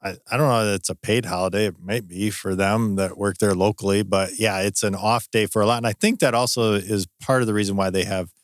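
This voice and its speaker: A man hosting a running podcast, chatting in a relaxed way with many fillers. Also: fairly low pitch, brisk, hardly any pauses, no room sound, studio quality. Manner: easygoing, with frequent fillers and restarts. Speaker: podcast host. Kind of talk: casual interview chat.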